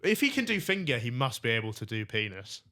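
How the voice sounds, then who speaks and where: Very animated and fast, a man with a medium-pitched, sharp-toned voice co-hosts a casual comedy podcast, cracking jokes and running a quiz game.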